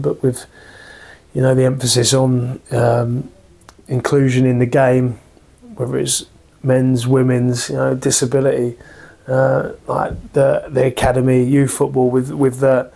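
A man's voice: medium pitch, completely flat delivery, unhurried, vocal fry, warm tone, breathy edge. A man in his thirties, a football manager giving a post-match interview, talking earnestly with many restarts and fillers in a small office.

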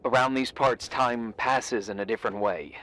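Man voicing a cryptic game official, soft-spoken, measured, calm. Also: medium pitch, natural voice. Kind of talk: video game dialogue.

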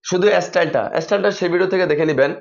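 Guy rattling off reading drills for teachers, quick and kinda high, dull lo-fi sound. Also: creaky. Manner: methodical, repeats spelling drills in set patterns. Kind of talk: instructional explanation for teachers. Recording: dull lo-fi recording.

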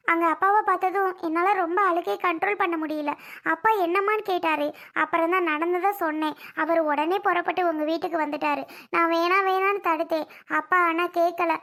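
A child voicing a gentle, tearful young married woman who pleads and apologizes. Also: very high voice, heavily acted. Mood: apologetic. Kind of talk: homemade family drama.

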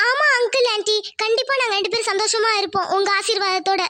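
A woman plays an earnest young cartoon bride with a very high, quick voice. She pleads sincerely and sounds close and dry. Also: sharp tone, no echo. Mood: grateful.

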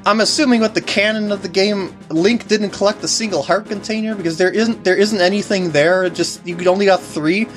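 This man's voice sits high and steady, a little fast, with hardly any pauses. Playing through a video game, he gives casual, jokey, rambling commentary and slips into silly character voices, recorded on a compact camera's microphone with game music behind him.

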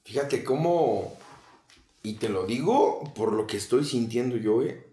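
A man, speaking as host in a slow, measured, reflective way. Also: mid-range voice, expressive, warm tone, echoey room. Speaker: interview host. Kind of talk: reflective interview talk.

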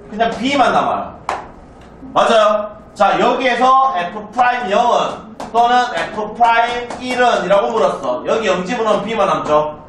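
Recorded from a distance in a roomy classroom with slight hiss or hum, a South Korean math teacher lectures in a high-pitched, fairly bright voice. He keeps checking whether his students follow, asking frequent questions in a brisk, chatty manner.

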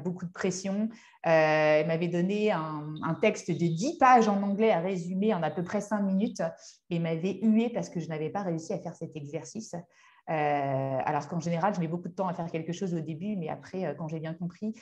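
Give me a woman with a fairly low voice giving a motivational talk, relaxed and conversational, often stopping to find the right word. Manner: conversational, halting, searching for words. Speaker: speaker and hypnotherapist.

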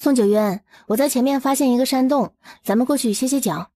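A woman playing a spirited, practical young heroine in a historical romance drama, brisk and forthright. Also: sits high, mellow, no room sound, studio quality. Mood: brisk, confident. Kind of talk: historical audio drama dialogue.

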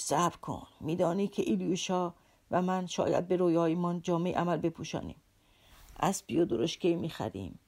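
A woman's voice: fairly low pitch, gravelly, darkish tone, slightly rough. Woman acting out a frantic, bitter old army captain. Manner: feverish, rapid, bitter and mocking. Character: poor, proud, frantic middle-aged male army captain. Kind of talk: audiobook character reading.

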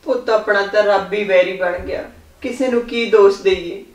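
A woman's voice: medium pitch, fairly even intonation, normal speed, distant mic, lightly acted. An older woman playing a lonely, tearful widowed village mother in a short drama. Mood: grieving. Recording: echoey room, voice off-mic.

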